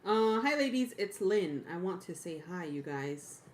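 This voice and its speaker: A woman's voice: on the low side, animated, unhurried, darkish tone. A woman chatting casually as co-host of a live stream. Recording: clearly noisy, with room ambience.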